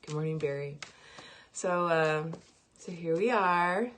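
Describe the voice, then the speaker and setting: A middle-aged woman speaks into her phone on a morning livestream, her voice sitting a little low for a woman. She chats casually, greets viewers by name and laughs easily, then moves into calm guidance for a meditation. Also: slow pace, slight background noise. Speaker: meditation guide.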